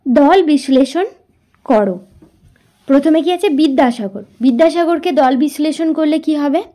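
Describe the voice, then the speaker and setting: Slow, patient woman teaching grammar. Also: sits high, dark tone. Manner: slow, patient, asks and answers her own questions. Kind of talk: grammar lesson for school students.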